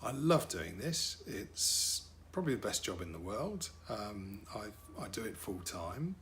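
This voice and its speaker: Here a middle-aged man's voice sits on the low side, a bit bright and sing-song, moving a little slowly against slight background noise. A native French speaker who DJs and MCs weddings, he describes his work informally, leaning on fillers and repeating words.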